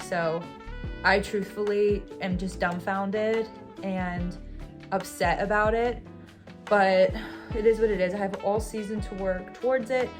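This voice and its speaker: A woman in her twenties talking candidly over her vlog, reviewing a race she is disappointed with. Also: medium pitch. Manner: candid, self-critical, conversational. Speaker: vlogger and runner.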